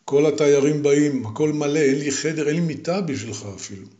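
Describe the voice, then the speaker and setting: A man voicing a worried innkeeper gravely warning a guest in a storybook tale. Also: fairly high pitch, dark tone, echoey room, lo-fi sound, close to an everyday voice. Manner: warns in grave tones.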